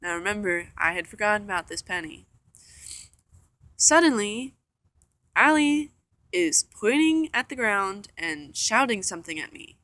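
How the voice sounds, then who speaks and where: Chatty young woman with a bright voice. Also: mid-range voice, sing-song, measured pace, pauses often, dry recording. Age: young adult. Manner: chatty, rambling, full of "like" and "um". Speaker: vlogger. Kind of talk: casual storytelling vlog. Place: indoor room.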